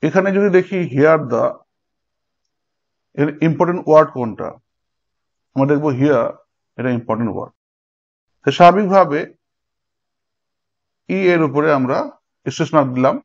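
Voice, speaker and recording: A man's voice: fairly high pitch, expressive, normal speed, pauses often, breathy edge. A man teaching an exam-prep lecture, explaining step by step and speaking straight to his students. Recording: dull lo-fi recording.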